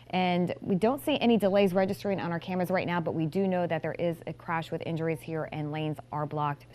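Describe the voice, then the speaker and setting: A woman reporting traffic on a live morning TV news broadcast, with a brisk, informative delivery. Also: lowish voice, darkish tone.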